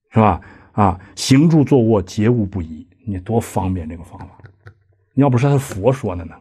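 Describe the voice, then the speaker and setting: Mellow, husky man lecturing. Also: medium pitch. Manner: explains line by line with conversational asides and rhetorical questions. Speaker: lecturer on Buddhist practice. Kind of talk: lecture explaining a classical text. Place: lecture hall.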